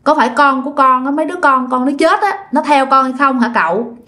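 A woman's voice: high voice, fast talker, sharp tone. A woman voicing a frightened teenage girl pleading with a spirit.

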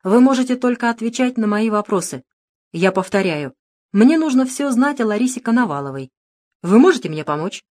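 A woman voicing a calm, sarcastic middle-aged male detective in an audiobook, speaking in a cool, mocking, unhurried way. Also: a little high, voice pushed up, natural voice. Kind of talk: audiobook character reading.

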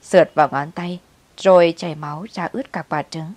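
A woman reads a family story aloud in a low voice. Her delivery is steady and brisk, and the recording is dry and close, with no room sound. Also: no room sound. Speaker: narrator. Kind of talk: storybook narration.

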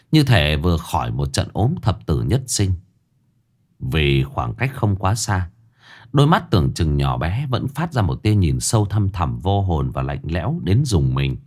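Low-voiced man narrating a horror story. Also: darkish tone. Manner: dramatic, wry first-person telling.

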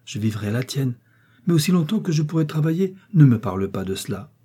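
A man's voice: mid-range voice, sing-song, fast talker, husky, voice pushed up. A man reading an audiobook, voicing a humble older mother who speaks timidly and modestly. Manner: timid, soft-spoken.

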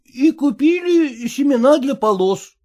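Man putting on a sleepy hungover peasant guy, squeaky high voice, drawls all over the place. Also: animated, a little slow, a little mellow. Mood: reading haltingly. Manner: drawling, grumbling.

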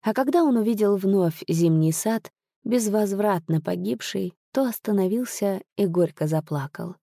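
A woman narrating a fairy tale in a measured, expressive way. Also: medium pitch, vocal fry, no echo, studio quality. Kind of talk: storybook narration.

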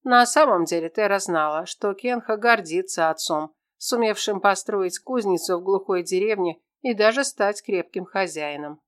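A woman narrating a fantasy novel in an even, measured reading voice. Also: mid-range voice. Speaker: audiobook narrator. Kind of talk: scripted storybook narration.

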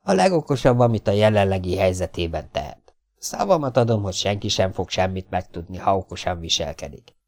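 A man doing a scheming male blackmailer in an audiobook reading. The voice is deep and smooth, and every word carries a veiled threat. He coaxes his victim calmly and menacingly. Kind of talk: audiobook character voice.

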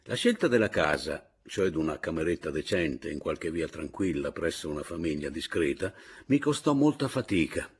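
A man narrating a literary audiobook in the first person, expressive and measured. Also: extremely low pitch, slightly rough.

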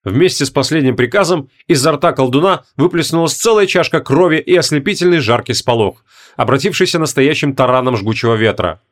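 A man's voice: fairly high pitch, lively intonation, fairly quick. A man narrating an action fantasy audiobook with dramatic, varied intonation.

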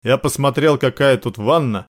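A man's voice: medium pitch, moderate pace, lightly acted. A man voicing a crude, mocking male gangster guard.

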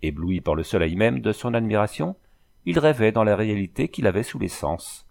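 A man reading a novel aloud as audiobook narrator, in measured literary narration. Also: on the low side, expressive, creaky, darkish tone.

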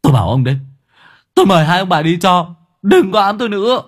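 Man doing a shrill, beaten-up young man. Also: big pitch swings, fast, slightly rough, exaggerated voice. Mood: angry shouting. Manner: shrill shouting and pleading. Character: young man, battered and furious, whiny.

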